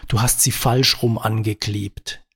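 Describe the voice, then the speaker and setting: A man reading the lines of an exasperated, shouting woman in a spoken story, in his own gravelly, husky voice. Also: fairly low pitch, steady tone, a little slow, heavily acted. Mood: angry. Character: furious woman with a botched injury.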